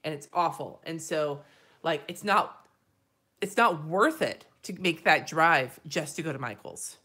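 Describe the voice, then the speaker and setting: A deep-voiced woman, a lettering artist, hosts a live stream, talking at a measured pace with a sharp tone. She chats casually and rambles while drawing, swearing freely and laughing often.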